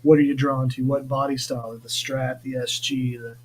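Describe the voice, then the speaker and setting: A man co-hosting a podcast, a guitarist who talks in a rambling casual way and trails off quietly. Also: medium pitch, little pitch movement, normal speed. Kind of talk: casual chat.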